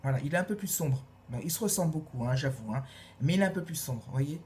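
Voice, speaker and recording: A woman reviewing makeup in a casual, gushing way, repeating her praise and filling pauses with hesitations. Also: low-pitched, expressive, darkish tone, slight background noise. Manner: gushing, repeats praise words, many fillers. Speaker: beauty vlogger.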